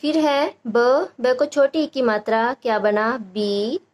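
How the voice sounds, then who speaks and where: A young woman teacher explaining a phonics lesson to parents, sounding out letters and syllables slowly one by one. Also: high-pitched. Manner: slow, drawn-out syllable-by-syllable sounding out.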